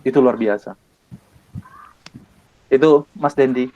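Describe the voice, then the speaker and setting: A man from Indonesia, an evangelist, telling his personal testimony in an earnest way, with many pauses and repeated phrases. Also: mid-range voice, warm tone, dull audio. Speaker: evangelist guest.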